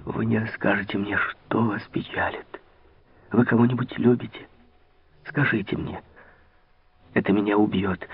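A man reading the lines of a devoted young count, speaking softly and respectfully, in an old radio reading. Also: on the low side, dry recording, pitched above the performer's own voice, natural voice. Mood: tender. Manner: soft, respectful, gentle. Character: devoted, restrained young count courting a princess. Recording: tinny old radio broadcast.

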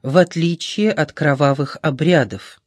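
A man's voice: on the high side, unhurried, no echo, studio quality. Man reading a firm, probing young woman. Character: young woman in her twenties, persistent questioner. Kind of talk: audiobook character reading.

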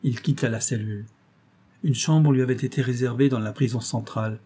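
A man narrating an adventure novel as an audiobook, measured and dramatic. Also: medium pitch, steady tone, dark tone.

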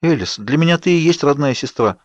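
A man's voice: on the high side, expressive, a little fast, no echo, dull audio, pitched above the performer's own voice, lightly acted. Stubborn, exasperated young woman, read by a man. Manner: protesting and grumbling. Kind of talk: audiobook character voice.

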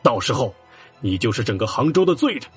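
Brief: commanding, furious councillor, raspy voice, lively delivery, soft music underneath. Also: male voice, mid-range voice, fast. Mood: angry. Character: stern angry middle-aged male councillor. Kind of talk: audio drama acting.

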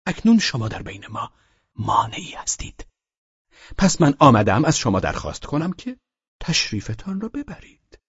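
A man voicing a bold, arrogant young man of about nineteen who speaks in a measured, haughty way in an audiobook. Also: on the high side, sing-song, a bit bright, slightly rough, no room sound, muffled recording, voice pushed up, heavily acted. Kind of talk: audiobook character voice.

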